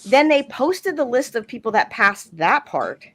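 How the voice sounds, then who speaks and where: A woman's voice: a little high, very animated, measured pace, fairly bright tone. A woman dispatcher telling a story in casual podcast chat, chatty and full of "like"s. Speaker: 911 dispatcher and podcast guest.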